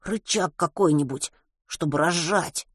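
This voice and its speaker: A woman's voice: lowish voice, a little slow, slightly rough, no echo, studio quality. A woman voicing an injured schoolboy who speaks in a strained, breathless, pleading way in an audiobook. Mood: pained, weak. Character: injured schoolboy, pained, then desperate and self-sacrificing.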